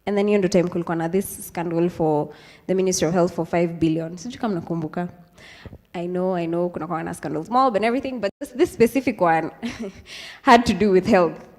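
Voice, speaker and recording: Speaking a little fast in a fairly low voice, a woman in her twenties from Kenya addresses a youth-event audience with slides. Her delivery is casual and chatty, sprinkled with Swahili phrases and lots of ums. The recording carries the long reverb of a hall.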